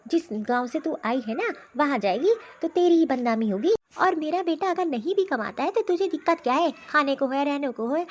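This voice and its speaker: A woman's voice: high-pitched, dull audio. A woman voicing a bossy, taunting middle-aged mother-in-law in a cartoon story. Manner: scolding, taunting.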